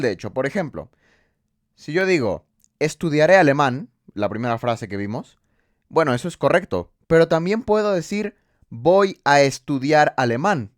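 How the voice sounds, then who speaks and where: A Spanish-speaking man teaching an English grammar lesson, explaining step by step and reading each example sentence slowly twice. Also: mid-range voice, dry recording, studio quality.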